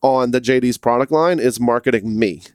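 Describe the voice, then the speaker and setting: A man's voice: mid-range voice, normal speed, clear, resonant tone, dry recording, clean studio sound. A man being interviewed as a food entrepreneur, talking casually, restarting sentences and thinking aloud.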